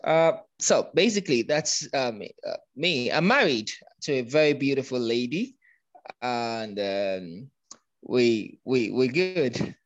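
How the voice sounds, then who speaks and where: A man's voice: medium pitch, animated, takes it slowly, no echo, muffled recording. Nigerian man, hesitant interview guest. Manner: hesitant, many ums and restarts. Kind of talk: conversational interview.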